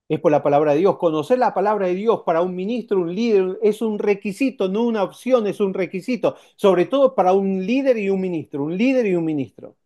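High-voiced, mellow preacher. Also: male voice. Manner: lively, conversational preaching with rhetorical questions and repetition. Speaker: pastor. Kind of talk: sermon.

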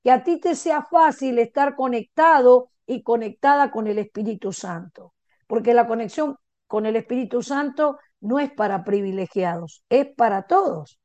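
A woman's voice: on the high side, normal speed, darkish tone, no room sound. A woman pastor with an Argentine Spanish accent, preaching earnestly and encouraging her listeners. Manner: earnest and encouraging, laughs between stories. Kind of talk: sermon with personal anecdotes.

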